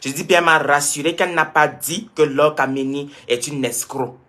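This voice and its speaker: A man's voice: on the high side, steady tone, moderate pace, pushed and bright. A young man from Cameroon, talking to his viewers on a live stream, answering comments and repeating points for emphasis. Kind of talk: casual live-stream talk.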